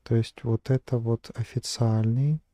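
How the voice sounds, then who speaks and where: A man's voice: mid-range voice, steady tone, measured pace, warm tone, no room sound. A man narrating his screen as a vlogger, thinking aloud in a hesitant way with many fillers. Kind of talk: casual screen-recording narration.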